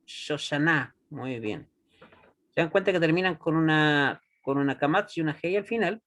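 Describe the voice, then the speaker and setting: A man teaching a Hebrew class, patient and deliberate, often checking that students follow. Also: on the high side, a bit bright. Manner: patient, checks understanding with frequent "¿ya?"; slow and deliberate, repeats words for students. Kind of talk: classroom lesson.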